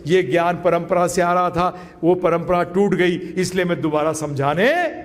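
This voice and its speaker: A man's voice: high-pitched, measured pace, long reverb tail. Man lecturing, questioning listeners. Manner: emphatic, quizzes listeners with questions; mixes English phrases into his talk. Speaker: spiritual teacher. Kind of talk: Gita lecture to a live class.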